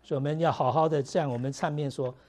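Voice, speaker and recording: A middle-aged pastor gives a conversational sermon to his congregation, full of fillers and mixing in English words. He talks fast with a fairly high, darkish voice and fairly even intonation.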